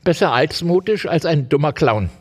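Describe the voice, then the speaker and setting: A man's voice: fairly high pitch, expressive, moderate pace, husky, pitched above the performer's own voice. A man reading the lines of a haughty, scornful young schoolgirl in his own barely changed voice. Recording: reverberant hall.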